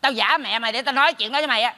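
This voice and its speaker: A blunt teasing neighbor. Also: male voice, very high voice, sharp tone, long reverb tail, exaggerated voice. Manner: teasing, blunt, rapid scolding. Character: blunt meddling male neighbor friend. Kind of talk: stage comedy sketch. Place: theater stage.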